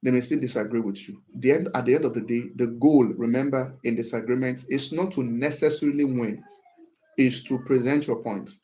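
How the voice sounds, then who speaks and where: A man's voice: medium pitch, fairly quick, warm tone. A man talking through how to disagree respectfully in a casual advice talk, often checking in with "right?" and acting out example phrases. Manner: acts out example phrases in a livelier tone. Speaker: speaker on workplace communication.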